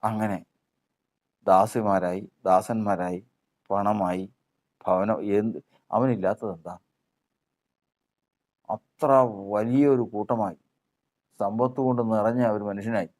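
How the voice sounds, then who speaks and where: A man's voice: on the low side, fairly even intonation, slow pace, long pauses, a little mellow. A male preacher giving a sermon, repeating phrases and asking rhetorical questions.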